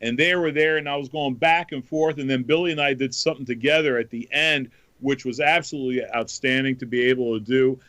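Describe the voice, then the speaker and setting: A man hosting a podcast in casual chat, telling stories in an animated way. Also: mid-range voice, fairly quick, hardly any pauses, no room sound. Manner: animated storyteller. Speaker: podcast host.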